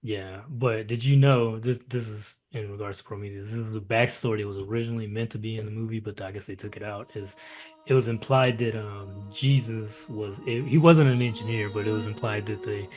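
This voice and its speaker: A man reviewing movies in casual chat, loose and profane, often trailing off into quiet asides. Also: fairly low pitch, steady tone, a little fast, faint music behind.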